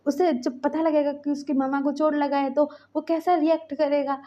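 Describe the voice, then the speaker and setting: A woman's voice: high voice, flat delivery, moderate pace, mellow, muffled recording, pitched above the performer's own voice, lightly acted. A woman voicing an adult man who scolds his partner out of worry, in an exasperated tone. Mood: scolding.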